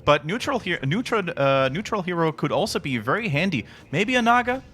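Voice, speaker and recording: A man with a Dutch accent giving lively live play-by-play commentary on a strategy game. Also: fairly quick, husky. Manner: excited play-by-play, rising pitch at big moments. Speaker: esports caster.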